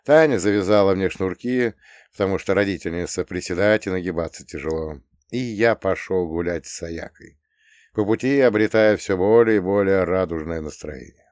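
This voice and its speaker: Low-voiced man reading an audiobook. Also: normal speed, darkish tone, dry recording, clean studio sound. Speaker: audiobook reader. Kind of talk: first-person audiobook narration.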